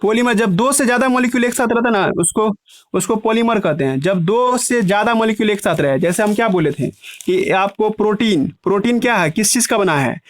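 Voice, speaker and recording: A man teaching a biology class online, in the style of a lecture. He keeps asking "है ना" and stretches key terms out slowly, word by word. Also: sits high, expressive, no room sound, studio quality. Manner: breaks terms into slow emphatic chunks.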